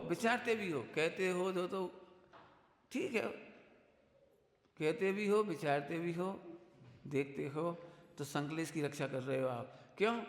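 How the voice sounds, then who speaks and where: Male preacher, high voice, conversational, rhetorical questions, long hall echo. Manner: conversational teaching, rhetorical questions, mimics listeners. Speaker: Jain scholar giving a discourse. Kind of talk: religious discourse. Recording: echoey hall sound.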